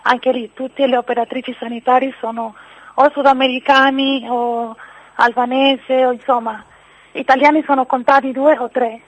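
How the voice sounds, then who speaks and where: A woman's voice: fairly high pitch, dry recording. A woman with a foreign accent giving her opinion as a caller on a radio phone-in, over a phone line. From outside Italy. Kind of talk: spontaneous opinion call. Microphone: phone call. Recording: narrow, tinny phone line.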